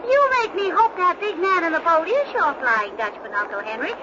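Girlish young daughter, curious, very high, lilting swoops, radio drama. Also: brisk. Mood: teasing. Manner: girlish, excitable. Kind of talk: 1930s radio drama acting. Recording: very noisy, muffled 1930s radio recording.

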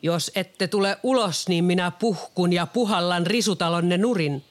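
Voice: mid-range voice, close to an everyday voice. A storyteller voicing a sly, boastful big bad wolf in a storybook read-aloud, drawing out taunts. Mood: taunting. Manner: taunting, drawn-out threats.

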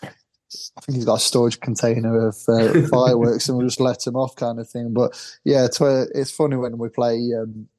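Man, football fan podcast co-host, casual rambling chat, flat monotone, mellow voice. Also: medium pitch, moderate pace. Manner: rambling, repeats words, laughs easily.

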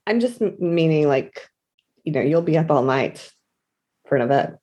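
A woman's voice: low-pitched, expressive, normal speed, darkish tone, lo-fi sound. A woman chatting casually as a podcast co-host, rambling through anecdotes. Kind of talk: casual chat.

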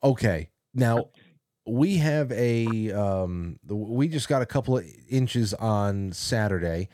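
A man with a smooth radio host delivery, chatting casually and taking listener calls on his show. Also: lowish voice, lively intonation, slow, mellow, no echo, studio quality. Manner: conversational, with frequent fillers.

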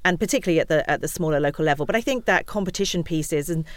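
A woman speaking as an interview guest, telling stories in an animated way and acting out what others said. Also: low-pitched. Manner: fast, animated storytelling with acted-out quotes. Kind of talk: conversational interview.

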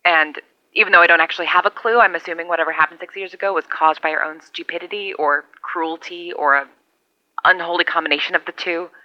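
A woman's voice: on the low side, steady tone, quick pace, no room sound, lo-fi sound. A woman playing a wry, lonely survivor who rambles into a two-way radio, heard through it. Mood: hopeful. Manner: rambling, self-deprecating, wry. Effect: transmitted over a two-way radio. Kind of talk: audio drama monologue.

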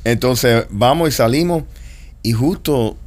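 A man's voice: medium pitch, unhurried, darkish tone. Man telling a story in casual chat. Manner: storytelling with restarts and teasing.

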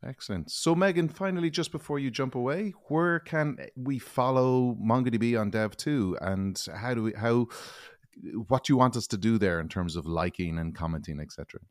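A man co-hosting a podcast in a brisk, jokey way, passing questions to colleagues. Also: medium pitch, no room sound, clean studio sound. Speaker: podcast co-host. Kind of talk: casual podcast chat.

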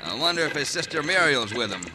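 A man's voice: on the high side, expressive, fast talker, background noise, natural voice. A man playing a wary, folksy henchman with an American Western accent in an old-time Western drama.

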